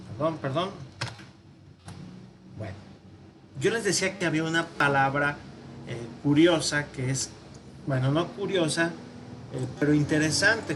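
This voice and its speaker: A man with a Mexican Spanish accent teaching a language lesson, slow and patient, thinking aloud with pauses. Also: fairly high pitch, a bit bright, a little hiss or hum. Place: parish classroom or home office.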